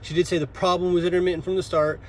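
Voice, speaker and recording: A man's voice: high voice, flat delivery, very fast, darkish tone, a little hiss or hum. A man in his thirties, an auto technician, explaining a repair step by step in a casual how-to voice from inside a parked car, recorded on a phone held close.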